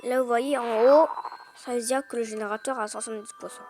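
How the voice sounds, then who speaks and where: A woman's voice: on the high side, fairly even intonation, fast talker. A woman commenting casually on her phone game as she plays, explaining with many hesitations and fillers. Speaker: gameplay commentator. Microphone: phone screen recording. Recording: game music behind the voice. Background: game music.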